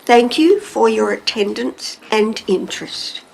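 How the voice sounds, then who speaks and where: A woman mayor chairing a council meeting in a measured, formal manner. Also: a little high, animated, vocal fry, a little mellow. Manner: measured, formal procedural delivery. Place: council chamber. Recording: echoey chamber, faint room hiss.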